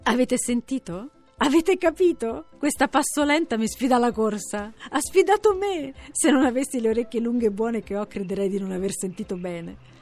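A woman's voice: expressive, brisk, soft background music. A woman voicing a boastful, cocky young female hare who brags and taunts in a storybook reading. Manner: bragging, taunting, shrill laughter.

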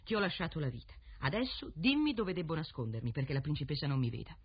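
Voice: medium pitch, big pitch swings, fast talker, husky, muffled recording. A storyteller voicing an earnest, desperate young man in a fairy tale, pleading for help. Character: desperate young man hiding for his life.

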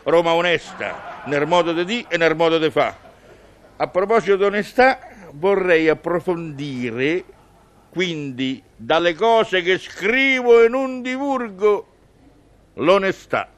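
Roman guy doing a wry comic monologue, slightly high voice, chatty dialect, musing out loud. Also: slow pace. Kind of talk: humorous theatrical monologue in colloquial dialect.

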